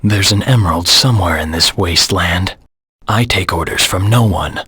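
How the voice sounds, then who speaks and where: A man voicing a brooding, vengeful anti-hero hedgehog for a video game, with a gravelly, husky voice and a grim, deliberate dramatic delivery. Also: low voice, bright, forceful tone, no room sound, studio quality, exaggerated voice. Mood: determined.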